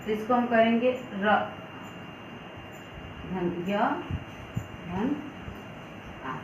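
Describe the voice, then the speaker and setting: Slow, patient woman teaching children. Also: mid-range voice, background noise. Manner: patient, slow, drawn-out syllable-by-syllable sounding. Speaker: school Hindi teacher. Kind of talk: online classroom lesson for children. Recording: echoey room with faint background ambience.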